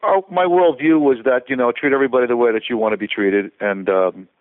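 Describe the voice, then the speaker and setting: Heard through a dry, close, phone-like connection with no echo, an older conductor and composer from Connecticut, USA, talks fast in a medium-pitched voice. He's a guest in a casual interview and rambles along, full of small fillers and restarts.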